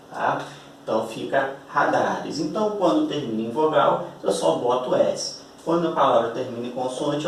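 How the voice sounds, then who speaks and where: A man's voice: medium pitch, a little hiss or hum. A man teaching a classroom grammar lesson, chatty, checking in with his students and stretching out key words as he explains at a board. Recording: roomy, distant echoey classroom audio.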